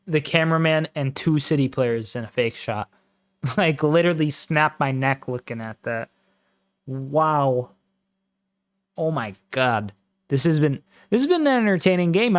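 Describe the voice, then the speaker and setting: A man casually commenting on a football match live for his stream, slangy and excitable, breaking into loud exclamations at big moments. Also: on the high side, clean tone, dry recording.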